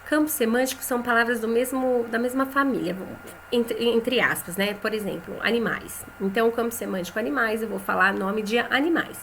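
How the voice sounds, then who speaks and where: A woman's voice: a little high, fairly bright tone, slight background noise. Chatty Brazilian woman teaching a lesson. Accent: Brazilian Portuguese. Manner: conversational, tags phrases with "né?"; says example words slowly and clearly.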